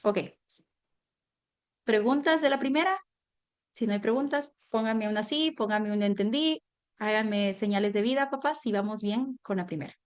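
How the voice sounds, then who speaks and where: A woman's voice: fairly high pitch, normal speed. A woman giving a parenting lecture, talking straight to the parents and checking in with them often. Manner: animated, addresses parents directly with frequent check-ins. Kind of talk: online parenting talk.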